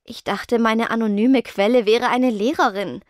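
A woman voicing a shy, nervous teenage ghost girl who speaks softly and stammers. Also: on the high side, steady tone, moderate pace, no room sound, studio quality, voice pushed up, close to an everyday voice. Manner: soft, stammering, timid.

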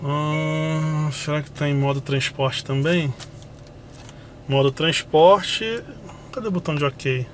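A man's voice: on the high side, slow pace. A Brazilian man doing a casual car vlog, thinking aloud informally as he checks out parked cars. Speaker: car reviewer. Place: in and around parked cars at an outdoor lot. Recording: clear car and outdoor ambient noise.

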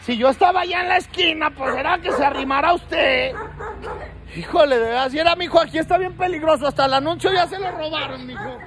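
A man with a Mexican accent hosting a street vlog, joking, teasing and shouting to people outdoors at night. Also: very high voice, fairly quick. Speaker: street prankster host. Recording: busy street with crowd chatter. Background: crowd chatter.

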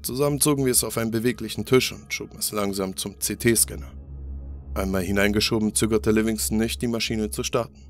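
A man narrating a scripted horror story in a steady, grave storytelling manner. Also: lowish voice, brisk. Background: faint music.

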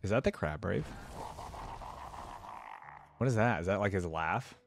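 Over music, this young man's lowish, animated voice moves a little slowly as he thinks aloud through relaxed gameplay reactions. He's a young adult reaction video host on a close desktop mic with headset, and background noise comes through clearly.

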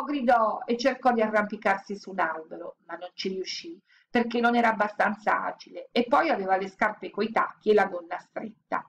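A woman reading a children's story aloud as an audiobook, narrating in a steady, expressive way. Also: mid-range voice, gravelly. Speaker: audiobook reader.

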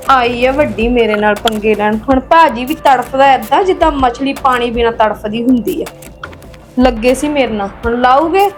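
An actress playing a scheming woman who cries on the phone and gloats alone. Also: a bit bright. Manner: tearful pleading, then low sly muttering. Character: scheming woman feigning tears, then gloating. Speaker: sister on the phone. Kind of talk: Punjabi web-drama acting.

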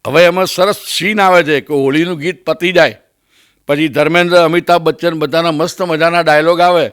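A Gujarati-accented male comedian telling a funny story and acting out its characters. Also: clear, resonant tone. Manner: animated, acts out characters with raised pitch. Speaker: stand-up comedian. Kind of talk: comic storytelling. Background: audience laughter.

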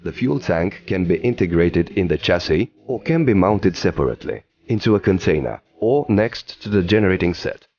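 A man giving scripted documentary narration in an even, explanatory delivery, recorded as a studio voice-over. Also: low-pitched, normal speed, few pauses, lo-fi sound.

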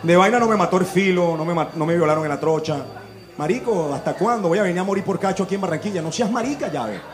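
A Venezuelan man doing stand-up comedy, telling a crude story in an animated way and acting out the people in it. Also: high voice, quick pace, music in the background, crowd noise. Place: live comedy venue with audience.

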